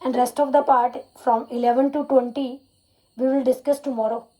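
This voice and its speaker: A woman with an Indian accent teaches English vocabulary for exams, spelling words out letter by letter and slipping into Hindi to explain them. Her voice sits high and sounds mellow and soft-edged. Faint crickets chirp behind her. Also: little pitch movement, moderate pace, rough recording. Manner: repeats "you can say" as a filler. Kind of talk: exam-prep vocabulary lesson.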